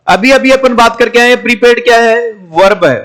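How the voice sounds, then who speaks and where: High-voiced man teaching grammar. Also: normal speed, a bit bright. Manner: repeats questions to students, calls them "my children". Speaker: English teacher. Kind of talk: classroom lecture.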